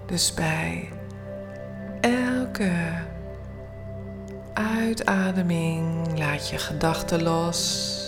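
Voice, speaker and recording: A woman leading a guided bedtime meditation in a soothing, hushed, often near-whispered voice with long pauses. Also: fairly low pitch, steady tone, music in the background. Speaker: guided relaxation instructor.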